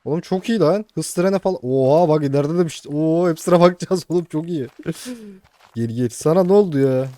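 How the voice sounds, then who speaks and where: A young man commentating casually on a video game he plays, excitable and joking with his viewers. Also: on the high side, fairly quick, no echo. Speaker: gaming youtuber. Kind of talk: casual let's-play commentary.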